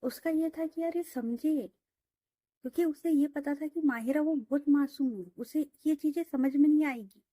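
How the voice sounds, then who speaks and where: A woman's voice: sits high, normal speed, warm tone, no room sound. A woman telling a romance story in a casual, chatty way, full of fillers, into a close mic.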